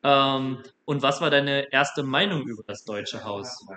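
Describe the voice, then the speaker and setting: Bright-voiced young German podcast host. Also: male voice, medium pitch, unhurried. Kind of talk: casual podcast interview.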